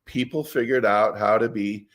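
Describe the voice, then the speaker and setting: A man's voice: fairly low pitch, normal speed, fairly bright tone. Rambling, opinionated man telling stories. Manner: rambling, digressive storytelling; plainspoken, opinionated. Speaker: interview guest. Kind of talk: casual conversational interview.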